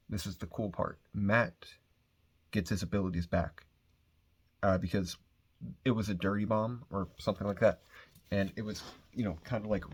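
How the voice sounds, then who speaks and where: Man, low-pitched, husky, casual comic recap, rambling, drops fillers and swears. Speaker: comic book reviewer.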